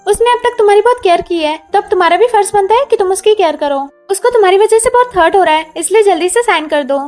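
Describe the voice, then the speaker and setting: A woman's voice: very high voice, fast, darkish tone, faint music behind. A woman voicing a greedy, scheming female relative in a drama recap, taunting and pushy.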